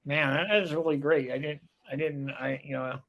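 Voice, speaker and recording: A man's voice: a little high, fairly even intonation, moderate pace, vocal fry, a bit bright. A man hosting a casual interview, talking with admiring enthusiasm and rambling, restarting sentences. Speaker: interview host.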